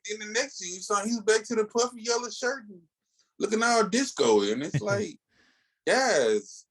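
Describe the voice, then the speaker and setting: On a poor-quality recording, a high-pitched man co-hosts a comics podcast. He chats casually about comic books, slangy and emphatic, wandering off on tangents as he shares his opinions.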